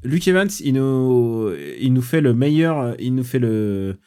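A man with a middle-pitched voice talks through a film in a loose, casual podcast chat. He gets animated, swears freely and keeps trailing off and starting over as he riffs. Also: a little slow, smooth. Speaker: podcast co-host reviewing a film.

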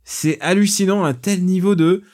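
A man chatting casually about a film on a podcast, animated, swearing often and restarting his sentences. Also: high-pitched, normal speed. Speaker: podcast co-host reviewing a film. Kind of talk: casual film review chat.

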